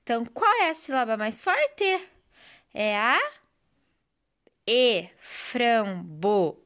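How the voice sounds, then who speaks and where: Patient sing-song woman teacher, lively pitch. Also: slow, smooth. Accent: Brazilian Portuguese. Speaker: primary school teacher. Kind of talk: remote lesson for children.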